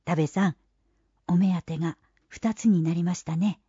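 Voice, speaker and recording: A reader voicing a brisk woman innkeeper who speaks politely with a chirpy, teasing edge in an audiobook. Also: on the low side, fairly even intonation, mellow, slightly rough, no echo, muffled recording.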